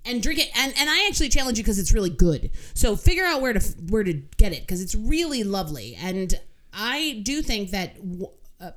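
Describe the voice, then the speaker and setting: A woman's voice: mid-range voice, big pitch swings, a little fast, fairly bright tone. A woman co-hosting a podcast, chatting about wine and drifting into joking, self-deprecating tangents. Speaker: podcast co-host. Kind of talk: casual wine-tasting chat.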